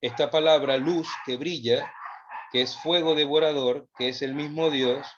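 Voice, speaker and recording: A man's voice: on the high side, steady tone, noisy background. Man, theology lecture, emphatic delivery, muffled recording. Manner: slow, emphatic, repeats phrases while thinking. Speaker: theology teacher. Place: online class session.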